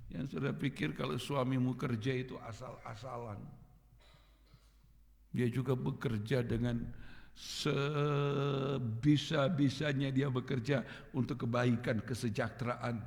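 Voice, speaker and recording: Gravelly preacher in a church hall. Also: male voice, medium pitch. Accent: Indonesian, North Sulawesi. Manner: animated preaching, swinging from quiet asides to loud emphatic peaks. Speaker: pastor. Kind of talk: sermon.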